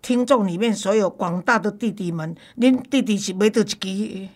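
A woman's voice: medium pitch, normal speed, darkish tone. A woman with a Taiwanese accent and a mid-range voice hosts an interview. Her delivery is casual and colloquial, sliding between Hokkien and Mandarin as she addresses guest and listeners. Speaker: host.

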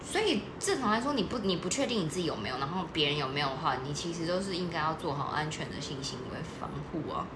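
A woman's voice: sits low, lively intonation, fast talker, hardly any pauses. A woman co-hosting a casual podcast chat, talking emphatically in a lecturing way and laughing easily. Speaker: podcast co-host. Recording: echoey room with background noise.

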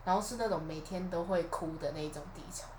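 A woman's voice: lowish voice, quick pace, slight background noise. A young woman with a Taiwanese Mandarin accent, chatting casually as a podcast co-host and laughing often as she tells stories. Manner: animated storytelling, laughs often. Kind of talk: casual chat.

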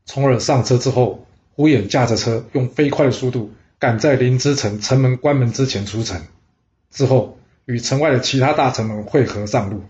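Guy telling a history story, chatty and lively, mid voice, muffled audio. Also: medium pitch, moderate pace. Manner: lively, conversational, with rhetorical asides.

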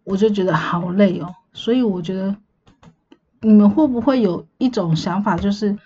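A woman's voice: medium pitch, moderate pace, mellow, breathy edge. Exasperated Taiwanese woman venting. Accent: Taiwanese Mandarin. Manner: exasperated, ranting, rhetorical questions. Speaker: podcast host. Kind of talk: casual solo venting monologue. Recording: slightly muffled with faint hiss.

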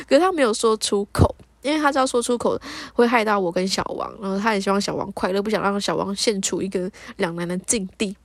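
A woman's voice: medium pitch, fast, no echo. A woman hosting a podcast, casually telling a dream story and acting out the dialogue. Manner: animated, acts out the dialogue. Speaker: podcast host.

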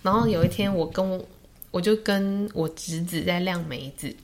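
A woman in her thirties with a Taiwanese Mandarin accent, chatting on a podcast and telling family stories with lively acted-out voices. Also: on the low side, moderate pace. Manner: lively storyteller who acts out family members' voices. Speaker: podcast co-host. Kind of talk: casual chat.

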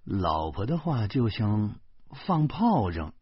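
A man reading a novel aloud as narration, telling the story in a lively way and chuckling now and then. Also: lowish voice, slow, breathy edge, dry recording, dull audio. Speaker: audiobook reader.

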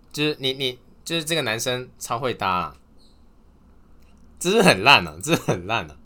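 Lively man, bright voice. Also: mid-range voice. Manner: earnest advice, then telling corny jokes and laughing at them. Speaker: podcast host. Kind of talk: casual solo podcast talk.

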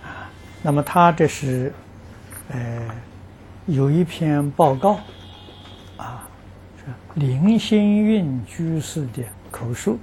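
A man, a Buddhist teacher answering practitioners' questions, giving an unhurried dharma talk. He speaks earnestly and fills his pauses with drawn-out "ah" sounds. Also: on the high side, expressive, darkish tone, slight background noise. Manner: peppers speech with drawn-out "ah" fillers; earnest, stresses that the account is true.

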